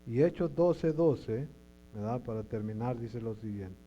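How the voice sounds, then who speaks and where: A man's voice: mid-range voice, expressive, measured pace. A male pastor preaching a sermon, who repeats phrases and keeps asking the congregation questions. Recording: dull lo-fi sound with faint hum.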